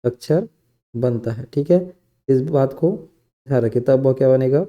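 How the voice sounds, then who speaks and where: A man's voice: mid-range voice, moderate pace, warm tone, dull audio. A young adult male teacher giving an exam-prep grammar lesson. He repeats key phrases word by word and keeps checking in with his students.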